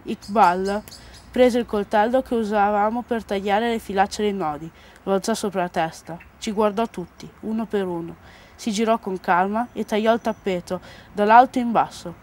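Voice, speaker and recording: A teenage schoolgirl slowly reading a story aloud for a school news report, earnest and careful. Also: mid-range voice, a little mellow. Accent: Italian. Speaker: student reader.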